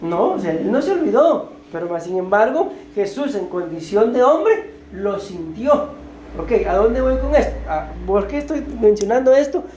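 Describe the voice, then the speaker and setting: A woman's voice: medium pitch, sing-song, moderate pace, mellow, a little hiss or hum. Woman preaching in an echoey church. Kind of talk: sermon. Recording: roomy church echo.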